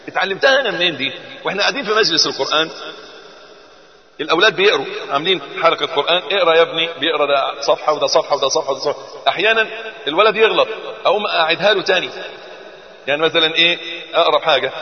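Egyptian preacher with a quick, lively delivery. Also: male voice, fairly high pitch. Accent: Egyptian Arabic. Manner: animated, shifting between loud emphasis and soft tones. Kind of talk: sermon. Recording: muffled, with long hall reverb.

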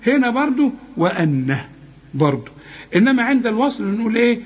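Husky, high-voiced Egyptian recitation teacher. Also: male voice, very animated, brisk, lo-fi sound. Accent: Egyptian Arabic. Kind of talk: one-on-one recitation lesson.

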